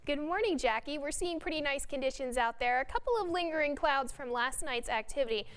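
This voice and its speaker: Quick, high-voiced weatherwoman. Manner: upbeat, fast-talking. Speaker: weather presenter and co-anchor. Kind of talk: morning news and casual co-host chat. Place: local TV news studio.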